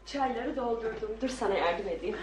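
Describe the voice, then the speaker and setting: An actress playing a curious, nosy guest gossiping over tea in a comedy sketch. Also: female voice, on the high side, a little fast, close to an everyday voice. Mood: chatty. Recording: roomy studio, a bit distant, faint hiss.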